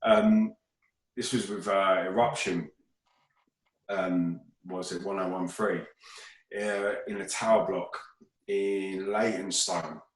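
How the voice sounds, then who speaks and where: A man tells DJ stories in a relaxed, rambling way and swears freely along the way. His voice sits on the low side. It is recorded in a roomy space with noticeable echo. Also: takes it slowly, long pauses. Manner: rambling, swears, gets loud and excited in anecdotes. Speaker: podcast speaker, DJ. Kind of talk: casual chat, storytelling.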